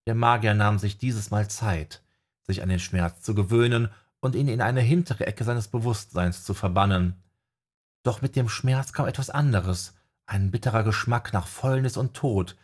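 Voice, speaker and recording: Husky low-voiced male narrator. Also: normal speed, a little mellow. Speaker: audiobook narrator. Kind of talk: scripted fantasy narration.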